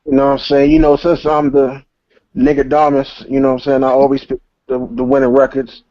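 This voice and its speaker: A man's voice: medium pitch, fairly quick, vocal fry, warm tone, no room sound. A man co-hosting a casual sports podcast, boastful and full of slang. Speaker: co-host. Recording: dull lo-fi recording.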